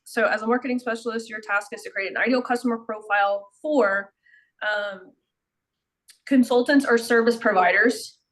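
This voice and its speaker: A woman's voice: fairly high pitch, normal speed, low-quality recording. A woman client in a coaching session, giving brief agreeing replies and reading prompts aloud.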